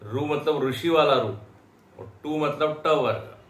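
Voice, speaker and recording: A man teaching a lecture class, explaining slowly and patiently and sounding out syllables one by one. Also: fairly high pitch, fairly bright tone. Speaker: Vedanta teacher. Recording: echoey lecture hall.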